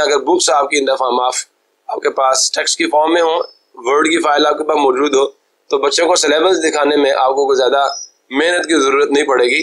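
A man's voice: a little high, a bit bright. Patient man, teaching. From Pakistan. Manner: patient, explains step by step, checks understanding often; mixes English terms into Hindi-Urdu speech. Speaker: computer teacher. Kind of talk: screen-recorded software tutorial.

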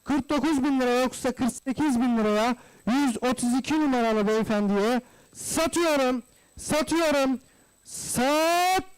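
This livestock auctioneer has an extremely high-pitched, clean-toned voice and talks a little slowly. He calls bids live in a repetitive price chant of repeated phrases while addressing guests formally and courteously, captured in a low-quality recording.

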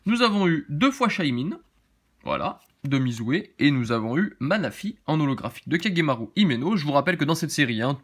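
Chatty, slightly tired man with a southern French accent. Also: fairly high pitch. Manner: chatty and rambling, with frequent filler tags. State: a little tired. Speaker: card-opening YouTuber. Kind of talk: casual card-opening vlog.

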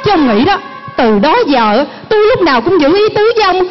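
A woman with a Southern Vietnamese accent playing a chattering farmer's wife who answers back quickly in a stage comedy skit. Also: very high-pitched, very animated. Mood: bickering. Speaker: stage actress. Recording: muffled recording with music behind.

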